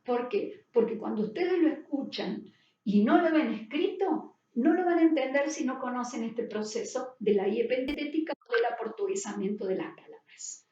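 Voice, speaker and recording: Woman teaching, high voice, distant. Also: lively intonation, moderate pace, warm tone. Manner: explanatory, checks in with frequent "¿sí?". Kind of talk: lecture. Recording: roomy, distant, dull sound.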